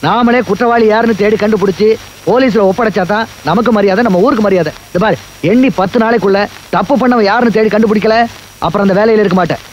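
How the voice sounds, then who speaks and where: An actor playing a stern but generous village headman who speaks in a commanding, measured way. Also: high-pitched, background noise, lightly acted. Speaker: film actor.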